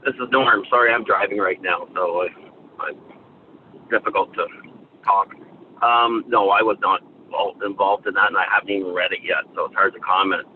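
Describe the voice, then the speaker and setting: Low-voiced man on a car speakerphone. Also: steady tone, normal speed. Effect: car speakerphone while driving. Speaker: meeting participant. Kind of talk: work conference call. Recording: tinny phone line with road rumble.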